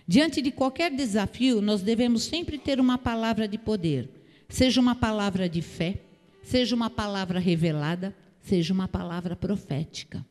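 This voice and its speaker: A woman's voice: mid-range voice, warm tone. A woman pastor with a Brazilian accent, preaching a sermon with emphatic rhetorical questions to the congregation. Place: church hall. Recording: long church hall reverb.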